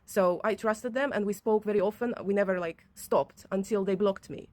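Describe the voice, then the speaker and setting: A woman speaks at a normal speed with a medium-pitched, somewhat dark voice as she shares a personal account on camera. She is a vlogger from Latvia whose first language isn't English, and she talks earnestly and conversationally with non-native phrasing.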